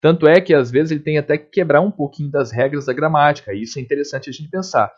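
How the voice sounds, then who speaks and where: A man teaching a literature lesson in a casual manner, checking in with his students often and slowing down to recite poems. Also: fairly high pitch. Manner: slows down when reciting poems. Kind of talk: classroom lecture. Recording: dull lo-fi recording.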